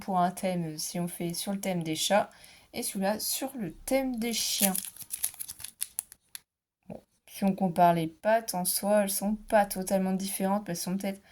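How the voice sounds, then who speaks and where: A woman's voice: medium pitch, a little mellow. A middle-aged woman chatting casually about her craft haul, hesitant, with many fillers. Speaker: scrapbooking vlogger.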